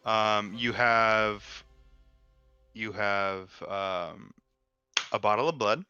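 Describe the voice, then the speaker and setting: A man acts as game master, listing loot and narrating outcomes in a loose, playful way. His voice is bright and crisp. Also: on the low side, drawn-out words, dry recording, highs cut off, soft background music. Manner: playful, loose, lots of fillers. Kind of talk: casual tabletop game narration.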